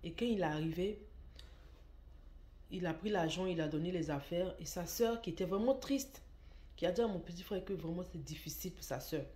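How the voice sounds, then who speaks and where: Mellow-voiced woman. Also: on the low side, fairly quick. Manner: emphatic, repeats words for stress, lively when quoting. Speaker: online shop owner telling a story. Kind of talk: casual storytelling vlog. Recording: echoey room.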